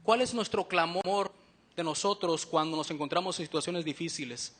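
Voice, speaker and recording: Preacher guy, high bright voice, earnest, asks the church lots of questions. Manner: earnest, questioning the congregation, slows down to read verses. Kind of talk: sermon.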